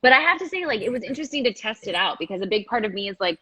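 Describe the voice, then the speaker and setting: A woman's voice: fairly high pitch, very animated, rapid-fire, pushed and bright, husky. A woman hosting a live stream over a video call, in casual chat, chatty and full of "like" and "um". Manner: chatty, many fillers like "like" and "um".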